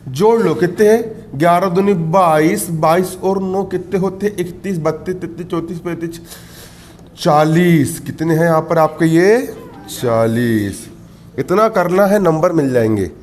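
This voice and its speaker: Slow-talking Hindi math teacher in class. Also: male voice, on the high side, a little mellow, slight background noise. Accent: Madhya Pradesh Hindi. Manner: slow, counting aloud, scolding students. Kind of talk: classroom lesson.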